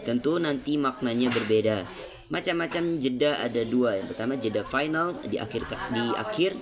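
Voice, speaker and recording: A young man from Indonesia, a student presenting a lesson, explaining step by step and repeating example phrases slowly. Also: medium pitch, animated. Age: young adult. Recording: music playing clearly behind.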